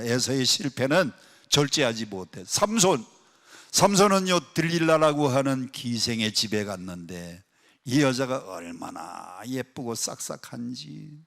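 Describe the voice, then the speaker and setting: A pastor preaching a sermon to a congregation in a prayer retreat hall, swinging from loud, pressing peaks to soft asides and often quizzing the listeners with questions. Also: male voice, a little high, creaky. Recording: echoey hall with long reverb.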